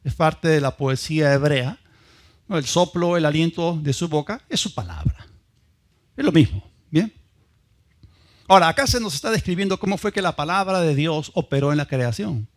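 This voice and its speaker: A man's voice: on the high side, animated, moderate pace. A man from Peru, a pastor preaching a sermon with emphatic repetition and questions to the congregation. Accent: Peruvian Spanish. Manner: emphatic, repeats ideas in lists, asks the congregation questions.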